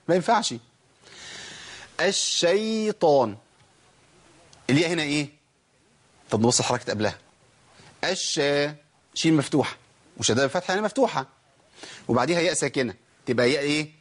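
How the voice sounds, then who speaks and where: A man's voice: on the high side, slightly rough. A man with an Egyptian Arabic accent teaching a Quran recitation lesson. He drills his students and asks and answers his own questions. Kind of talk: Egyptian colloquial tajweed lesson.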